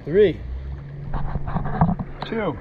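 Lively high-voiced man hosting poolside. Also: extremely slow. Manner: energetic, announcer-style hype. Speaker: family vlog host. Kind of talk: playful challenge commentary. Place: swimming pool, outdoors. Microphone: action camera. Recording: dull lo-fi camera sound with water noise.

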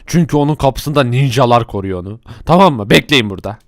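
A man's voice: mid-range voice, animated, dry recording, close to an everyday voice. A man playing a hot-tempered thief boss. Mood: bossy. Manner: bossy, quick-tempered, yelling at his crew. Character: brash bossy male thief gang leader. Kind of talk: Minecraft role-play.

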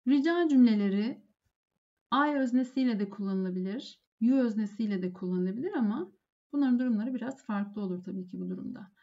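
A woman English teacher giving a lesson, saying each phrase slowly and then translating it. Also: on the high side, dull audio. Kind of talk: lesson explaining phone phrases.

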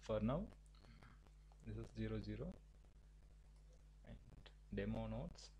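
A man teaching a software tutorial, giving halting step-by-step instructions with frequent restarts. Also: lowish voice, a little hiss or hum, rough recording. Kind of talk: screen-recorded software tutorial.

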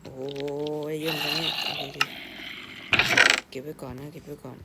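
A man giving casual gameplay commentary, excitable, muttering repeated words to himself and swearing when startled. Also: fairly high pitch, normal speed, very noisy. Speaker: gameplay streamer. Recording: loud background music under voice. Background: loud game music.

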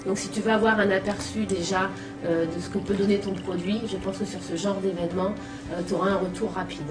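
A woman in her thirties from an event company offers casual advice in a small office, her mid-range voice brisk yet relaxed. She hesitates a lot and uses many fillers. The roomy recording has a distant mic and background music.

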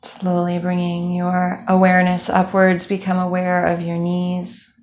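A young woman instructor leading a calm guided body scan meditation, speaking slowly with soft fillers. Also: on the low side. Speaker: movement instructor.

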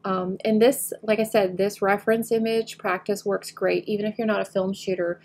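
Still getting over a head cold, a woman with a slightly nasal, medium-pitched voice walks through a screen-recorded photo editing tutorial at normal speed. Her tone is steady as she thinks aloud while working, often trailing off quietly.

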